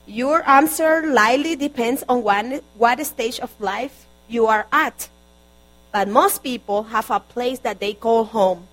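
A woman's voice: on the high side, a little slow, a bit bright, low-quality recording. Colombian woman preaching a sermon. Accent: Colombian Spanish. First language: Spanish. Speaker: guest preacher.

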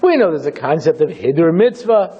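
Animated husky rabbi storytelling. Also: male voice, on the high side, a little fast. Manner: dramatic, theatrical, acts out scenes. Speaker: rabbi teaching a class. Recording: dull lo-fi recording.

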